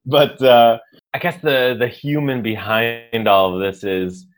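An American man in his thirties, a leadership coach, tells his life story in a casual interview. His mid-range voice has fairly even intonation and an unhurried pace. He's chatty and storytelling, poking fun at himself with laughs.

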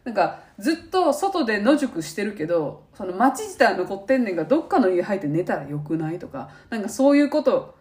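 Young woman, Kansai accent, animated chatty storyteller, very lively pitch. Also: brisk, few pauses. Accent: Kansai Japanese. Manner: animated storytelling, acting out quoted lines. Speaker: podcast co-host. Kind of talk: casual chat.

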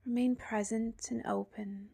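A woman softly narrating a guided relaxation like a sleep story, half-whispering with long pauses. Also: a little high, steady tone, vocal fry, breathy edge.

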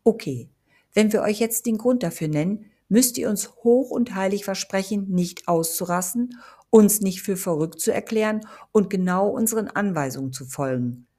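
A woman's voice: mid-range voice, normal speed, mellow, natural voice. A woman voicing a commanding, serious witch who gives firm instructions. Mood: urgent.

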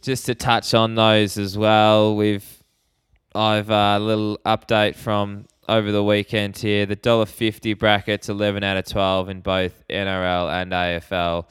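A man with an Australian accent and a lowish, very clean voice in a dry, close recording. He chats casually like a laid-back tradie, with plenty of slang, as a podcast co-host. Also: monotone, measured pace, fairly bright tone, clean tone, dry recording. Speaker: sports betting podcast co-host. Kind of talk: casual chat.

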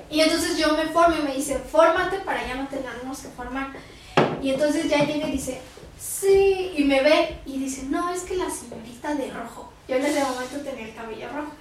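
A young Mexican woman telling a story in a casual chat, animated and acting out the voices of the people she quotes. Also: high-pitched, normal speed. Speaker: podcast co-host. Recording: roomy, distant mic, noisy background.

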